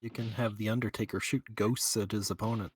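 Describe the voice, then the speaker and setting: Husky man teasing his co-host. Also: lowish voice, fairly even intonation, a little fast. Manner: dry, teasing, gives game tips. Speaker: podcast co-host. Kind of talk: casual gameplay chat.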